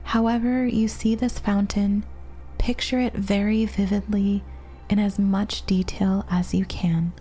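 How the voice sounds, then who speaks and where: Long pauses separate the phrases as a woman guides a relaxation meditation, speaking gently and soothingly with music behind her. Her voice is medium-pitched, level, soft and breathy with a mellow quality.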